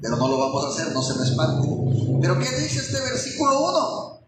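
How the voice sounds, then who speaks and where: High, lively male preacher in an echoey hall. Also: fairly quick, very noisy. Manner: asks the congregation frequent rhetorical questions. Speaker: pastor. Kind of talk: expository sermon. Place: church hall. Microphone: handheld microphone.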